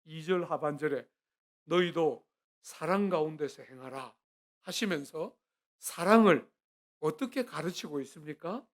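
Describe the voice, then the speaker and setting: High-voiced pastor preaching, soft to loud. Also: male voice, expressive, unhurried. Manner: earnest, swinging from soft to loud. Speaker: guest pastor. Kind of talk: sermon. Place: church sanctuary.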